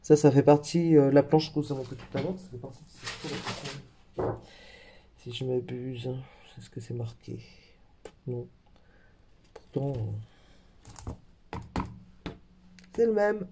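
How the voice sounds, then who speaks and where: A man's voice: mid-range voice, measured pace, pauses often, very noisy. A man in a casual craft haul video, talking in a hesitant way with lots of fillers and self-corrections. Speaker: craft vlogger.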